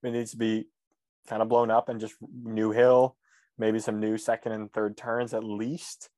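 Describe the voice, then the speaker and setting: Low-voiced, sarcastic male podcast co-host, dry sound. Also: little pitch movement, unhurried, mellow, dry recording. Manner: sarcastic, joking, swears casually. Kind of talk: casual podcast chat.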